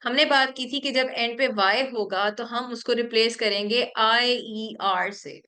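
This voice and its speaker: A woman with a Pakistani accent teaches a grammar lesson in a bright voice. She explains patiently, mixing English terms into her talk. Her pitch sits a little on the high side. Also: fairly even intonation, measured pace. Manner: explains step by step, mixing English terms, often asks "ठीक है?". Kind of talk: classroom grammar lecture.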